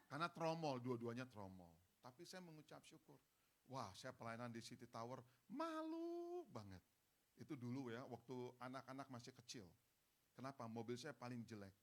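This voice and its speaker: Bright-voiced preacher telling stories. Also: male voice, mid-range voice. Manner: animated, acts out dialogue in different voices. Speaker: pastor. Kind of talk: sermon storytelling. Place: church hall.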